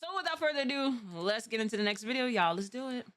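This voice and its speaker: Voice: medium pitch, lively intonation, fast, a bit bright, slight background noise. A reaction video host with a casual style, speaking with slightly impeded articulation from braces.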